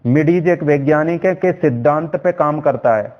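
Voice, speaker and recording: A male science teacher gives an exam-prep lecture in a fairly high voice. He keeps quizzing the class and repeats every answer over and over. The recording sounds dull and lo-fi. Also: normal speed.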